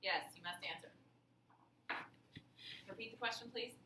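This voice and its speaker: A woman's voice: medium pitch, unhurried. A young woman acting as judge in a mock trial, giving formal rulings and calling for order. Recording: echoey room, far from mic, loud noise.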